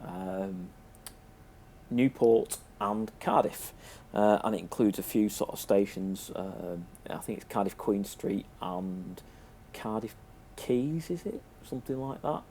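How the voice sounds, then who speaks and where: A British man with a sniffly, congested cold presents a casual, unscripted review, sounding hesitant throughout. His voice is fairly low and dark, and he speaks slowly over noticeable background noise.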